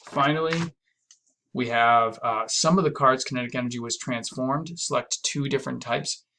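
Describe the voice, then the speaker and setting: A man's voice: mid-range voice, fairly even intonation, normal speed, bright, forceful tone, a little hiss or hum. A man, a physics teacher, walking students through a homework problem in a casual, chatty, reassuring recorded lesson.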